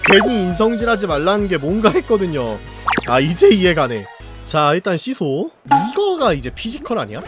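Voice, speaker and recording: A man streaming a party game, commenting live, often yelling and laughing at the action and cursing at rival players. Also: sits high, huge pitch swings, normal speed, music in the background. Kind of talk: excited gameplay commentary.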